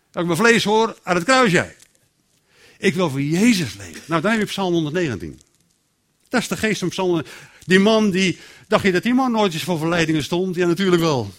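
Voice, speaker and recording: A man preaching a sermon in a lively, animated way, acting out quotes and inner voices. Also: high-pitched.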